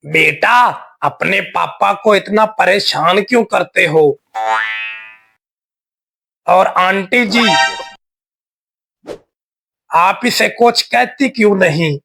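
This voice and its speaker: A man voicing a boastful neighbor in a family cartoon. He teases slowly and smugly and sounds very pleased with himself. His voice sits high, with a gravelly edge. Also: pushed and bright, faint music behind, exaggerated voice. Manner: slow, self-satisfied, teasing. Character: smug adult male neighbor who boasts about his son. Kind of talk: cartoon voice acting.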